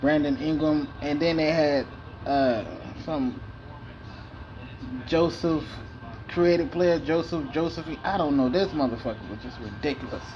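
A man with a somewhat high voice talks in a loose, rambling way, swearing freely and restarting his sentences. He chats casually about his game, and a faint hum of room noise sits behind him. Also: a little slow, a little mellow, highs cut off. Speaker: video game player. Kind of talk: casual gameplay commentary.

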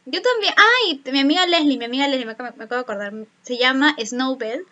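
A woman's voice: high voice, animated, fast talker, pushed and bright, muffled recording. A young woman, chatting and laughing with friends over a video call. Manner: chatty, laughing, tells stories. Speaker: podcast co-host. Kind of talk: casual chat among friends.

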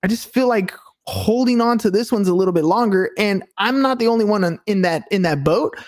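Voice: mid-range voice, brisk. A speaker in a casual debate who talks hesitantly, asking questions and often restarting sentences. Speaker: conversation partner.

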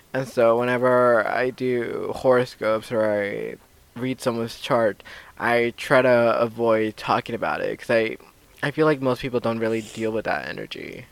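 A man's voice: mid-range voice, vocal fry. A man with a lisp that makes his s sounds slushy, chatting candidly and casually as a podcast host.

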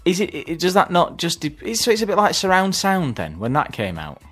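A man's voice: high voice, huge pitch swings, brisk, a bit bright, faint music behind. A man co-hosting a radio show in casual chat, trading dry, wry banter. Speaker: radio co-host.

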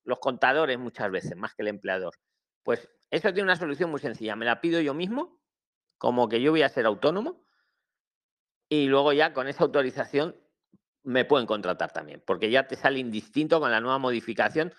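Male host, lively swooping voice, explains things over and over on a live call. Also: medium pitch, a little fast. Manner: animated, repetitive explaining. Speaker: host of an online immigration advice session.

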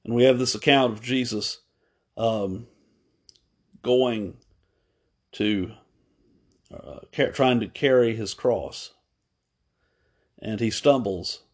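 A man preaching a sermon, retelling a story at an unhurried pace with pauses, fillers and small self-corrections. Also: mid-range voice, husky.

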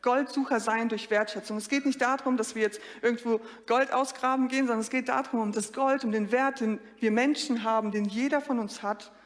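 A woman preaches in a lively storytelling way, often turning straight to her congregation. Her voice sits fairly high. It rings through a church hall with a long reverb. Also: fairly quick, few pauses. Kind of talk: sermon.

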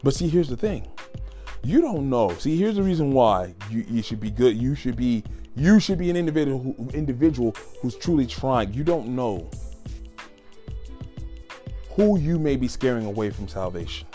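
A man's voice: medium pitch, very animated, moderate pace, warm tone, soft background music. A man giving an informal sermon, emphatic and full of rhetorical questions. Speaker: lay preacher.

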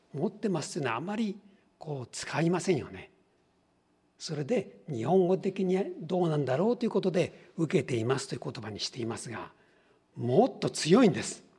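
A man's voice: on the high side, darkish tone, slightly rough. A man preaching a sermon as pastor, teaching in a questioning way and acting out small everyday scenes. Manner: teacherly, poses questions to the congregation; acts out little everyday scenes in different voices.

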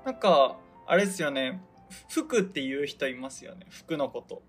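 A man's voice: mid-range voice, normal speed, soft background music. A young man from Hokkaido, Japan, hosting his own radio show and chatting casually, rambling and often losing his thread. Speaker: podcast host. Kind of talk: casual solo radio chat.

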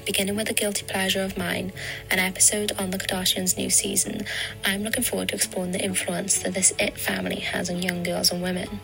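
A woman's voice: medium pitch, level tone, fast, creaky, over music, low-quality recording. A woman in her early twenties with a Swansea Welsh accent, introducing herself as a podcast co-host in a scripted style. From Swansea, Wales. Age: early 20s.

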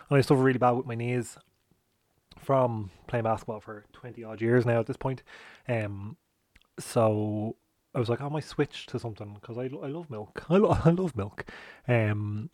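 A man in his thirties rambles through a cereal review, talking with food in his mouth and swearing freely. His voice sits in a middle pitch. The room sound is dry and close. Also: darkish tone, no room sound. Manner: chatty, swears, talks while eating. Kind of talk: casual rambling chat.

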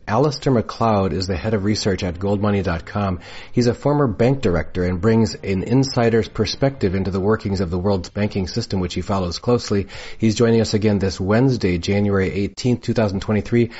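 Froggy-voiced man with a low pitch, hosting. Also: fairly quick, darkish tone, breathy edge, lo-fi sound. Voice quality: froggy, frog-in-the-throat voice. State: getting over a cold. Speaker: interview host. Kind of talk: interview hosting.

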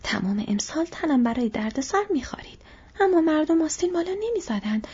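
A woman's voice: high voice, breathy edge, pitched above the performer's own voice, exaggerated voice. A woman reading the part of a sturdy middle-aged male hobbit farmer who speaks bluntly and heartily. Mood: rousing. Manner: blunt, hearty, calling out loudly. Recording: dull lo-fi audio.

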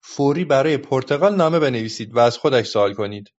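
A man voicing a cheeky, quick-witted little girl who talks playfully, in a dull lo-fi recording. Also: medium pitch, expressive, pitched above the performer's own voice, close to an everyday voice.

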